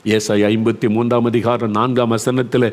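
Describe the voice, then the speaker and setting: Male preacher, earnest and repetitive, fervent pleading delivery, mid-pitched voice, long hall reverb. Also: level tone, normal speed. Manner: earnest, repeats phrases, rises to fervent pleading. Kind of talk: Tamil sermon with a story of prayer.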